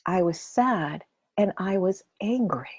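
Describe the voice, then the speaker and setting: A woman giving a heartfelt personal talk on emotions, often dropping into soft whispers and then rising to emphatic intensity. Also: mid-range voice, lively intonation, takes it slowly, husky, no room sound.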